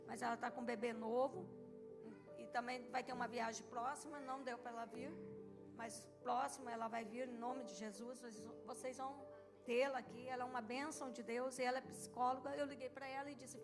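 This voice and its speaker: High-pitched woman preaching over music. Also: fairly even intonation, fast talker. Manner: emotional testimony, rising to loud emphatic peaks. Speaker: pastor. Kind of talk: sermon. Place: church service.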